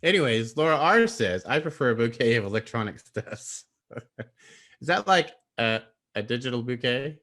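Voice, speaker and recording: A man's voice: medium pitch, expressive, normal speed, fairly bright tone. A man co-hosting a live online talk show, telling rambling stories in a laid-back, casual way. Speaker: co-host. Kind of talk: casual chat.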